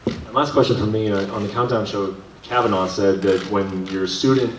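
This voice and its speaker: A male reporter putting questions at a press conference, building them haltingly piece by piece. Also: on the low side, steady tone. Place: large indoor press conference room. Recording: distant, echoey room with faint noise.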